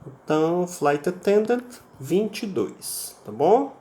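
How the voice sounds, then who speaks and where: Brazilian guy teaching english, talks slow, patient, says each word again and again. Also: sits high, very animated, dark tone. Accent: Brazilian Portuguese. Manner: explains patiently, repeats words over and over to drill pronunciation; ends phrases with a checking tag. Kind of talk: recorded online English class.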